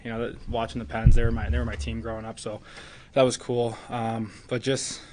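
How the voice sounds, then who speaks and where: At a table mic in an arena press room, a hockey player in his twenties earnestly fields postgame questions, sprinkling in plenty of "you know." He speaks briskly at medium pitch with little pitch movement, and there's background noise.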